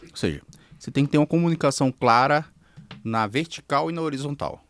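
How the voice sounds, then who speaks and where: A man hosting a podcast interview, summing up his guest's points as lists before digging deeper. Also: quick pace, fairly bright tone. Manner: sums up points in lists, then asks for more. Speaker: podcast host.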